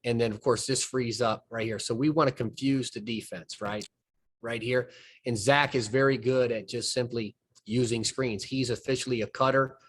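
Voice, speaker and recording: A man's voice: medium pitch, steady tone, normal speed, a little hiss or hum. A man, a basketball coach walking through game film and explaining plays step by step in a folksy way. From southern United States. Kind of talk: film breakdown conversation.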